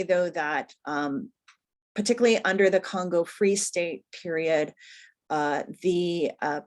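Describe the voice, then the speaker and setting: A woman professor giving a measured, careful academic presentation over a video call. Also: fairly low pitch.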